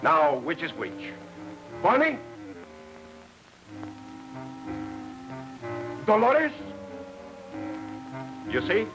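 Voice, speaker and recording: Hothead, theatrical, emphatic, swooping pitch, music underneath. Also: male voice, sing-song, normal speed, rough recording. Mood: indignant. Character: hot-tempered, doting Latin man fussing over an elephant. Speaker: comic rival. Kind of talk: 1940s film comedy acting.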